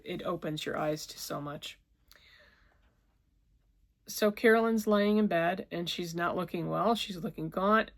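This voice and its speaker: A woman's voice: low voice, gravelly. A woman who reads tarot, casually retelling a story from a book in a hesitant way. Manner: hesitant, with fillers and restarts. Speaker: tarot reader.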